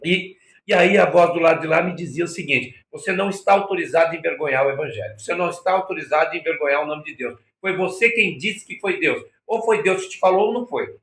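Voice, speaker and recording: A man's voice: fairly high pitch, fast, few pauses, slight background noise. Brazilian man telling a story. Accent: Brazilian Portuguese. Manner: acts out quoted dialogue in lively, shifting voices. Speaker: interview guest. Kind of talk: anecdotal storytelling. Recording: echoey room.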